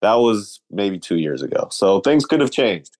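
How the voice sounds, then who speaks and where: A man with a low voice talks sports in a relaxed way. He thinks aloud and weighs both options. The recording is dry and close. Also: normal speed, no room sound. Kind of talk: casual sports talk.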